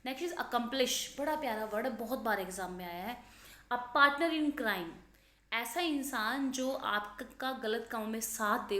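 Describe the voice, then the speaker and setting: A woman's voice: a little high, a bit bright. A woman teaching English vocabulary for exams, chatty and explanatory, spelling words out letter by letter and giving memory tricks. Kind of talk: exam-prep vocabulary lesson. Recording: echoey room.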